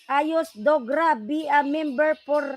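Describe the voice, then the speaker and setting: Brief: high-voiced woman streamer, slightly hoarse, giggly and self-conscious, dry close sound with faint music behind. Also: slow pace, dry recording. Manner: giggly, self-conscious, greets viewers by name. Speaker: vlogger on a live stream. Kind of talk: casual live-stream chat with sung lines.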